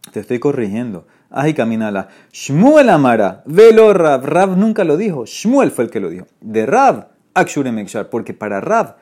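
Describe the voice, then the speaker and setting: A man with a mid-range voice teaches a Talmud class online, explaining the Gemara in a lively way. He mixes Hebrew and Aramaic terms into his speech and his voice rises sharply when he quotes the rabbis.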